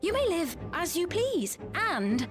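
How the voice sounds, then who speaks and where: A woman voicing a serene, regal young queen in a video game, speaking in a calm, measured, stately way over game music. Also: very high voice, exaggerated voice. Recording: game audio with soundtrack music behind.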